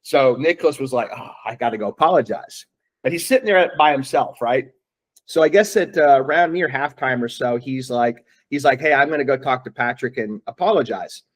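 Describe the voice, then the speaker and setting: A middle-aged father tells a long story in a relaxed interview. He talks in an earnest, rambling way, full of fillers and restarts, at a middle pitch. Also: brisk. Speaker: guest, father.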